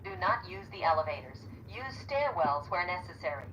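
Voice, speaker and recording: A woman's recorded emergency announcement plays over a PA loudspeaker, calm, formal and evenly paced. The voice sounds distant from the mic, with clear background noise around it. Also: fairly low pitch, a little fast. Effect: played over a PA loudspeaker.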